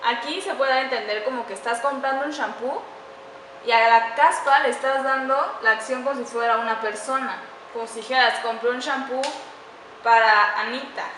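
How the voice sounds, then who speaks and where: Woman student presenter, bright and fairly high voice, careful explanatory delivery, recorded in a roomy space. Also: steady tone. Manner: careful, slows down to spell out example sentences. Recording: echoey room with faint background noise.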